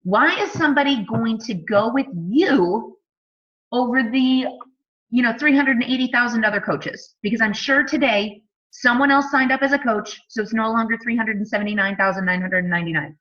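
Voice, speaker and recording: A woman's voice: a little high, normal speed, fairly bright tone, highs cut off. A woman in her thirties, a fitness coach, giving a casual sales talk full of "like", "you know" and rhetorical questions. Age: 30s.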